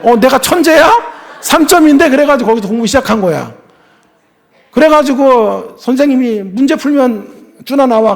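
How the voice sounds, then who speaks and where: High gravelly Korean pastor storytelling. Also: male voice. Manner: storytelling, acting out family dialogue, swings from hushed to loud. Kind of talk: revival sermon.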